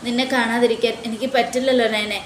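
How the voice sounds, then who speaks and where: A woman voicing a caring, anxious young husband with a gentle way of speaking. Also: fairly high pitch, level tone, fast, roomy sound, slight background noise, lightly acted. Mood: worried.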